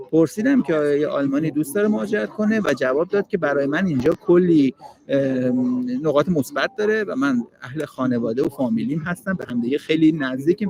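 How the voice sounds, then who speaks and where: A man's voice: on the high side, low-quality recording. A man hosting a casual live stream, joking with viewers and translating a passer-by's answers. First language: Persian. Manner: switches between chatty, joking talk and slow, halting questions in a second language.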